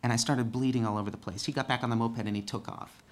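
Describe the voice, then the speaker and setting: Male storyteller, monologue delivery, animated with big swings in energy, stammers and repeats words. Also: quick pace. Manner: animated, swings between excited highs and hushed lows. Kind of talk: first-person storytelling monologue.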